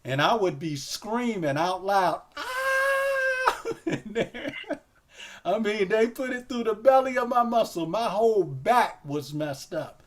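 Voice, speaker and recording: A man hosts a casual interview, his voice sitting somewhat high for a man. He rambles easily, leans on fillers, and speaks straight to his audience. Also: slight background noise. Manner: relaxed, rambling, many fillers like "you know"; addresses viewers directly. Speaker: host.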